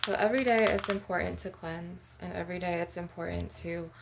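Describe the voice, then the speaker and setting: A woman's voice: on the low side, fairly even intonation, brisk, gravelly. A woman hosting an ASMR video, talking in a rambling, conversational way with asides between tapping. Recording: very noisy, with clicks and tapping. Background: tapping on glass and objects, clicking.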